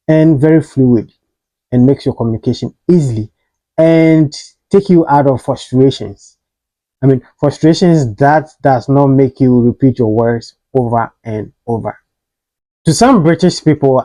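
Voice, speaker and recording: A man hosting a casual spoken pronunciation lesson, explaining patiently and repeating example words slowly for practice. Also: medium pitch, mellow, no room sound, rough recording. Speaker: host.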